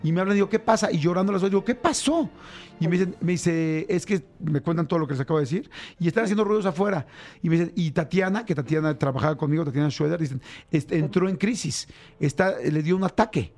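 A Mexican man hosting a radio show talks quickly with a slightly high voice, animated as he acts out noises and voices. He tells his story casually. Faint music sits behind him. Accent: Mexican Spanish. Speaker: radio host. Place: radio studio.

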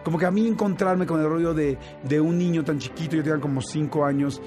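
A man with a Mexican Spanish accent recounts a story in relaxed conversation. His voice sits slightly high for a man, and his telling is lively and full of fillers and restarts. Faint music plays underneath. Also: fast. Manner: animated, with many fillers and restarts. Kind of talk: casual storytelling chat.

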